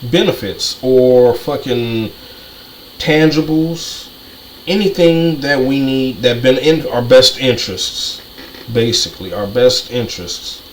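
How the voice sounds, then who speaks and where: Taking it slowly, a commentator with a mid-range voice rants through a heated, repetitive, profane monologue. The recording is rough and carries faint background noise.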